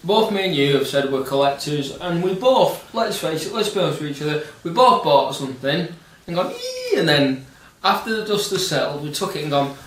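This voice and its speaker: A man's voice: a little high, expressive, brisk, few pauses, a bit bright. Emphatic man, roomy distant sound. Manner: opinionated, emphatic, swears casually. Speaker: co-host. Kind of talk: casual film discussion. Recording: roomy echo, distant mic, faint noise.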